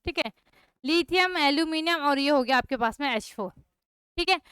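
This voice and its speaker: Young female chemistry teacher, crisp bright tone, dry close sound, keeps asking if it's clear. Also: high-pitched, expressive, normal speed, dry recording. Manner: repeats checks like "clear?" and "okay" to students. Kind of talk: online class lecture.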